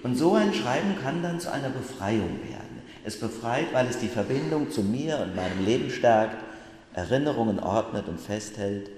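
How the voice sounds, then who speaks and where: A man's voice: medium pitch, expressive, moderate pace, a little mellow, a little hiss or hum. A man preaching as pastor, speaking straight to his listeners and asking them questions. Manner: addresses listeners directly, asks them questions. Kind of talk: sermon about a book. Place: church. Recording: echoey church hall from a distance.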